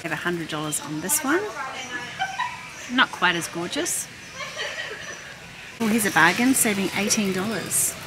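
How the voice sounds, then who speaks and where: A woman's voice: lowish voice, rough recording. A middle-aged woman, chatting as she browses and films a shopping vlog on a handheld phone. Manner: chatty, thinking aloud while browsing. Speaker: vlogger. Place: busy warehouse store. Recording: loud store noise behind.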